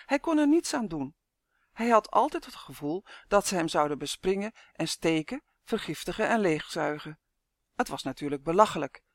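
A woman reading a children's storybook aloud with expressive, lively storytelling. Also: fairly low pitch, no echo, studio quality. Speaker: narrator.

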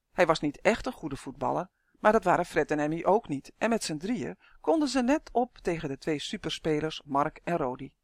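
Steady storybook reader, dry close sound. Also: medium pitch, no room sound. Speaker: audiobook narrator. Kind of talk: storybook narration.

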